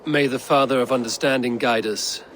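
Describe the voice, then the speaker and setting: A man playing a confident, stoic Norse warrior in a video game, speaking in terse, measured phrases. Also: mid-range voice, steady tone, fairly bright tone, slight background noise, close to an everyday voice. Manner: terse, measured, self-assured. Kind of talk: video game cutscene acting.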